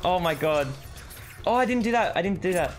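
A man calling out his own fighting-game match live, swinging his voice wildly between shouts and groans. His voice sits somewhat high for a man. Game music plays clearly behind him. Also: brisk. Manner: excitable, yelling reactions and groans. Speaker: gaming video host. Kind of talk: live gameplay commentary.

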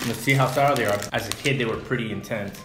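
Chill young guy from LA chatting over snacks, mid-pitched voice. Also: fast, reverberant, over loud music. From Los Angeles area. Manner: laid-back, enthusiastic about snacks. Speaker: vlog co-host. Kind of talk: casual food tasting chat.

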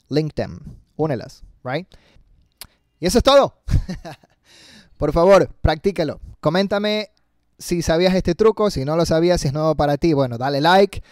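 A man teaching English in an energetic video lesson, emphatic and lively, slowing down to demonstrate phrases. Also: a little high, clean tone, no room sound, studio quality.

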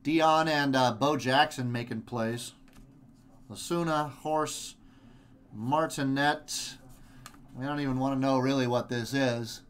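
A man hosting a live card break, reading player names in quick lists with chatty asides. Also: mid-range voice, steady tone, fairly bright tone, clean tone. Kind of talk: live group break commentary.

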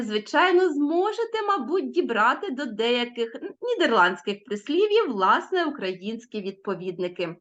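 A woman teacher giving a recorded lesson to children, reading proverbs aloud with expressive, lilting emphasis. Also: sits high, muffled recording.

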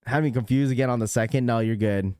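Fast and mid-range, with a slightly mellow, clean tone recorded dry, a young man runs a sneaker livestream from a small blue-lit room. A studio mic on a boom arm sits close to him as he chats casually, jokes loosely, laughs often, and mimics voices.

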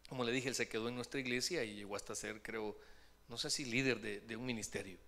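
A man's voice: medium pitch, fast. A man, a pastor preaching a sermon and acting out a story with the voices of the people in it. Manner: lively storyteller voicing the people in his story. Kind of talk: sermon with acted-out anecdote.

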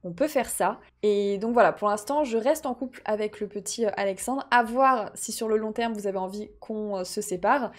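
A woman's voice: mid-range voice, moderate pace, few pauses. A woman hosting a let's play, chatting expressively and talking to her game characters as she plays. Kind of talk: casual gameplay commentary.

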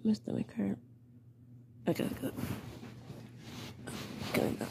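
A young woman vlogging as she gets ready in the morning, rambling and chatty with lots of fillers, in a groggy morning voice. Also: a little slow. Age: young adult. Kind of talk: casual get-ready-with-me vlog. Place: home, indoors. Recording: roomy echo with steady background noise.

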